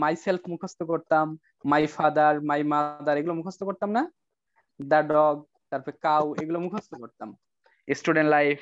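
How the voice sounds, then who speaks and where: Here a male English teacher runs an online lecture, nudging students along with rhetorical questions and carefully spelling out sample sentences. His voice sits high, the recording is dry, and the sound is dull lo-fi online class audio.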